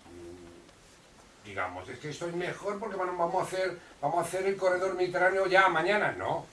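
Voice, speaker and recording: An older man speaks at a neighborhood association hall, his high voice lively, slightly fast, pushed and bright. His impassioned address is emphatic and repetitive, with frequent restarts. The mic sits far off in a roomy, echoing space with faint noise.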